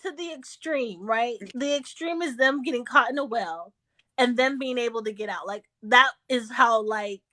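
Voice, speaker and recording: A woman in casual chat, telling animated stories about her children and acting out their voices. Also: a little high, moderate pace, no room sound. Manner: animated storyteller, acts out her kids with squeals.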